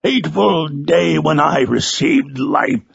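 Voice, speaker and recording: A man voicing a wretched, eloquent, brooding monster in a gothic audiobook monologue, with a raspy, gravelly voice and a grave, formal, anguished theatrical delivery. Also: fairly high pitch, slow, no echo, clean studio sound, heavily acted. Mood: anguished, accusing.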